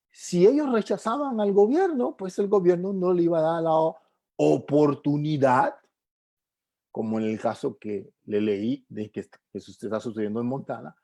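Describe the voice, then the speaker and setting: A Bible class teacher leading a church class, asking the room rhetorical questions and checking in with quick tag questions. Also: mid-range voice, warm tone. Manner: keeps tagging questions to the class; asks and answers rhetorical questions.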